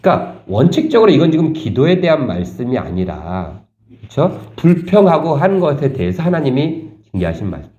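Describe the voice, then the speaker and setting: A male pastor preaching a sermon, animated and quizzing his congregation with questions. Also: medium pitch, brisk. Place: church sanctuary. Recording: echoey church room, slightly dull sound.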